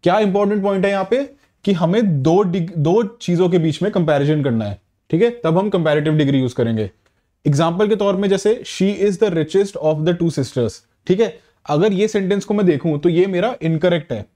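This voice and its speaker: Guy teaching grammar, kinda high voice, mellow tone, keeps checking you're following. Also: a little fast. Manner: patient, repeats "ठीक है" to check understanding. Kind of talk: explaining grammar to exam students.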